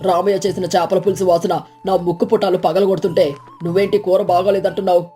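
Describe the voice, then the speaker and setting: A woman's voice: fairly low pitch, little pitch movement, fast, dark tone, soft background music, voice pushed down, lightly acted. A woman voicing a stern, grave male village elder in a storybook tale. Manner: solemn, scheming.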